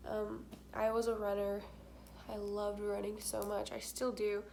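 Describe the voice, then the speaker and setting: A woman's voice: mid-range voice, monotone, measured pace, gravelly, a little mellow, slight background noise. A young woman talking candidly to her camera, with a congested nose and short of breath, filling her talk with "like". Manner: chatty, candid, many fillers, stuffy-nosed. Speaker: vlogger.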